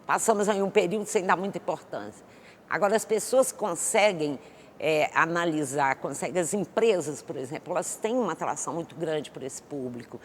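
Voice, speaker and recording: Low-pitched woman, hesitant expert answers, long reverb, faint noise. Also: brisk. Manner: hesitant, many fillers and restarts. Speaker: economist guest. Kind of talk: studio interview answer.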